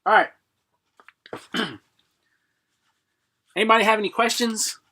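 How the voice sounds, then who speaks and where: A middle-aged man hosting a live stream, chatting casually and haltingly to viewers, often clearing his throat. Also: high-pitched, steady tone, pushed and bright, slight background noise. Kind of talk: casual rambling chat to viewers.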